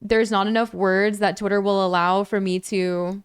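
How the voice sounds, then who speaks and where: A young woman livestreams games at a moderate pace, chatting casually with her viewers and breaking into high, excited squeals whenever she thanks donors. Hours of talking have left her voice a bit lower and worn. The audio is smooth, with no room sound.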